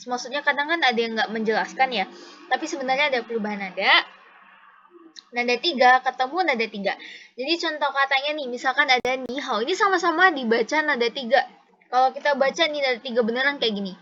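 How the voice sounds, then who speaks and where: A woman's voice: sits high, fast talker, sharp tone, dull audio. A woman teaching a casual one-on-one language lesson over a video call, explaining patiently step by step and repeating examples. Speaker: Mandarin tutor.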